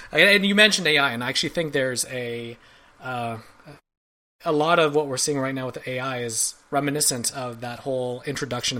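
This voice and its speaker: In a relaxed interview conversation, a podcast guest from Belgium, a man in his forties, recounts his story with thoughtful rambling and plenty of fillers and restarts. He speaks in a mid-range voice that sounds pushed and bright.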